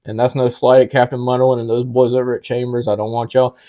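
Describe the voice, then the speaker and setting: Man, podcast co-host, warm mellow timbre, opinionated. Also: medium pitch, flat delivery, quick pace. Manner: opinionated, argues his case with confidence. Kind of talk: casual sports talk.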